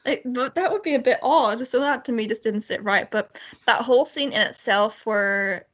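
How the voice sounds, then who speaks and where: A woman's voice: fairly high pitch, normal speed, a bit bright. A woman co-hosting a radio film show, criticising a film in a casual, exasperated way.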